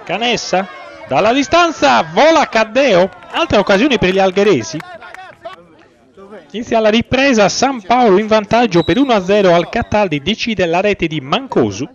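A man commentates on football. His delivery is excitable and his pitch moves around in a lively way. The audio is dull and lo-fi. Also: moderate pace, a faint crowd. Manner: excitable, swells on chances and goals. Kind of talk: live sports commentary of a youth football match. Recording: dull lo-fi audio, faint music.

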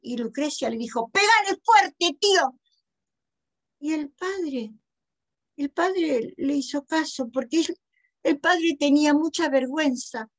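Brief: Argentine woman storyteller, high voice, lively and expressive delivery. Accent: Rioplatense Argentine. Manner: expressive, with big pitch swings for emphasis. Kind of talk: oral storytelling.

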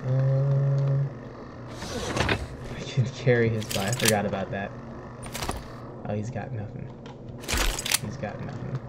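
This young male streamer, mid-range and a bit hoarse, mentions he's sick and losing his voice while chatting, joking, and poking fun at himself. He reads in-game text aloud during casual let's-play commentary at a measured pace, leaving long pauses. He's at home with a webcam in the corner, and there's a lot of noise.

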